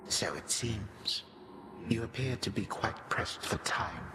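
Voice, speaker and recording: An actor playing a mysterious, courteous old man shade in a video game, speaking slowly and with formal politeness. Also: lowish voice, noisy background. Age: older. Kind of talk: video game character acting.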